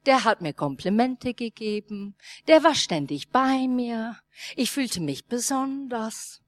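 Speaking slowly in a somewhat high voice, this pastor, a woman aged 30 or above, shares a personal story within her sermon and performs the dialogue vividly. Minor non-native grammar errors appear, and the recording has no echo.

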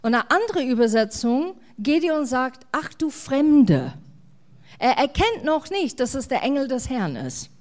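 A woman's voice: sits high, sing-song, normal speed, few pauses, no echo, studio quality. A woman pastor, preaching a sermon and acting out the biblical dialogue in quoted voices.

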